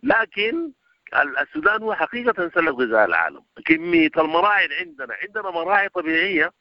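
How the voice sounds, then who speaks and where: A man's voice: high-pitched, creaky, no echo, lo-fi sound. A man with a Sudanese Arabic accent, an agricultural expert answering radio interview questions at length.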